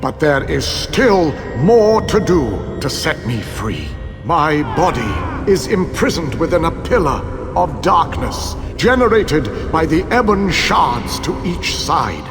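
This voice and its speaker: An actor playing a proud, ancient imprisoned elven king in a fantasy game, speaking with grandiose self-assurance and theatrical pauses. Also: on the high side, sing-song, exaggerated voice. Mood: commanding. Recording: long hall reverb, music underneath.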